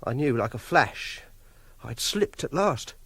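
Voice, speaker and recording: An actor in a radio drama plays a socially awkward, obsessive young Englishman holding a woman captive, acting scenes and narrating in the first person. His exaggerated voice is medium-pitched, slow, a bit bright and husky, with big pitch swings and no echo. He sounds hesitant, defensive and fussily self-justifying, in a confessional mood.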